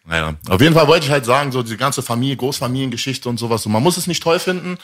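A young man with a mid-range voice talks casually and candidly, animated and rapid-fire, in a streetwise manner. He is half Italian, half Iranian, and grew up in Germany. He often drops in "weißt du."

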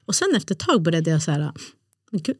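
A woman's voice: low voice, sing-song, husky, dry recording, studio quality. A young woman co-hosting a podcast, chatting casually and telling giggly stories. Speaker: podcast co-host. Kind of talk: casual chat.

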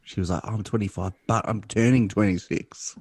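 Deep husky aussie guy, mellow dark tone, chill podcast banter. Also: steady tone, normal speed, dry recording. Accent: Australian. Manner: laid-back, dry remarks. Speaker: podcast co-host. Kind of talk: casual chat recapping a reality show.

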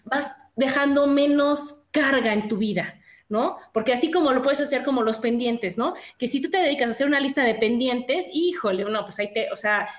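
Brief: high-pitched woman co-host, forties, animated casual talk, roomy echo. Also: normal speed. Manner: animated, talks through everyday examples. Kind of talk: casual chat.

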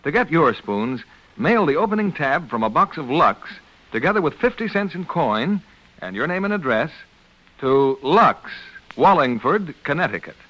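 A man working as a radio announcer, with a clear, formal announcer delivery, heard as an old radio broadcast. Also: fairly high pitch, sing-song, normal speed, bright, forceful tone, lo-fi sound. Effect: old radio broadcast sound.

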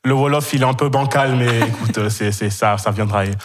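Fairly quick and mid-range in voice, a man in his twenties recounts something personal on a podcast. Senegalese by origin and raised in Kenya, he hesitates, repeats words, leans on fillers and frequently laughs.

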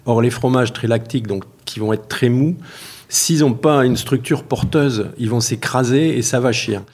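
A man being interviewed about his work as a cheesemaker, explaining slowly and carefully with many hesitations. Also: medium pitch, a little mellow, breathy edge. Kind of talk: casual spoken interview.

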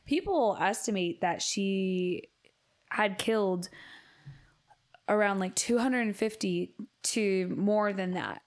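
Young woman cohost on a crime podcast, giggly and chatty, mid-pitched voice. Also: slow pace. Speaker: podcast co-host. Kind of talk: casual true-crime chat.

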